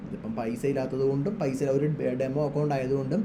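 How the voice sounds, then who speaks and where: The trader speaks quickly in a steady, medium-pitched voice during his informal screen-share tutorial, weaving English terms into his explanation. There is background noise.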